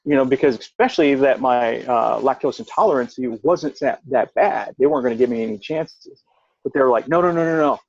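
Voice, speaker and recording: A middle-aged man, a veteran, telling a long personal story in casual chat, rambling and jumping up in pitch when he quotes himself. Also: lively intonation, a little fast, creaky, a little mellow, breathy edge, no echo, highs cut off. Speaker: podcast co-host, veteran.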